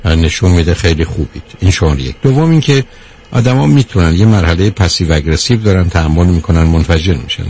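A man giving a measured talk to a live audience, counting off his points one by one and answering a question from the room. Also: deep voice, a little mellow, a little hiss or hum. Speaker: speaker on anger management.

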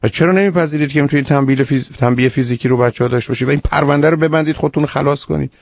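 A man's voice: fairly high pitch, gravelly, dry recording, dull audio. A man hosting a radio call-in advice show, lecturing a caller sternly and emphatically.

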